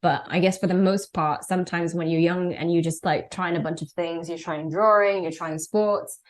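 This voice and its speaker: A woman's voice: fairly low pitch, steady tone, moderate pace. A woman who is a singer and songwriter, talking thoughtfully and earnestly as a podcast guest. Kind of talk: casual podcast interview.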